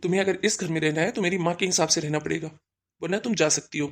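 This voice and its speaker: A woman voicing a man in his thirties in a cartoon, a son and husband who scolds sternly and loudly. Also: lowish voice, fast. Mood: angry.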